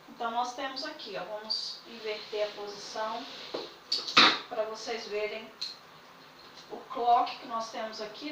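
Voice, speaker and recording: A woman's voice: high voice, a bit bright, roomy sound, far from the mic, slight background noise, rough recording. A woman, patiently explaining English grammar in a video lesson and checking in with her students often. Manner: patient, repeats points with "né?" and "tá?". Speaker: English teacher.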